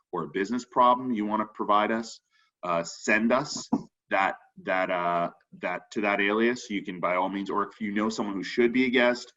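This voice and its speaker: A man's voice: sits low, pushed and bright. A young man co-hosting an online meeting show, chatting casually with many fillers and restarts over a video call. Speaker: co-host of a web forum show. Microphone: computer mic on a video call. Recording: slightly dull video-call audio.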